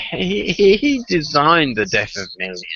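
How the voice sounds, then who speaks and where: A man's voice: on the high side, big pitch swings, unhurried, crowd noise. An Irish man hosting a casual online voice chat, talkative and joking, often cutting in over others. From Ireland. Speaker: host. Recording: muffled lo-fi voice chat audio.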